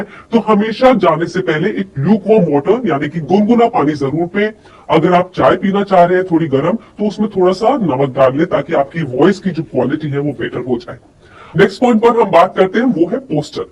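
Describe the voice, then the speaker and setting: A woman whose voice sits on the low side and sounds a little mellow works as a voice and personality development coach. In this instructional lesson she speaks right to her audience, offering demonstrations and rhetorical questions. Faint background noise comes through a distant microphone.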